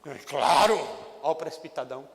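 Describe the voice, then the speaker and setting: A male pastor, preaching a sermon in an animated storytelling way that swings between loud and hushed. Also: on the high side, brisk. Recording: echoey church hall.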